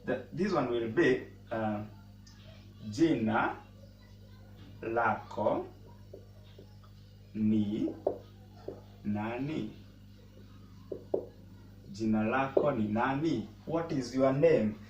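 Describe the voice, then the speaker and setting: A man who speaks natively, teaching a casual language lesson and pausing often to repeat words as he explains. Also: medium pitch, darkish tone, dull audio. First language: Swahili. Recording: roomy echo, mic at a distance, faint noise.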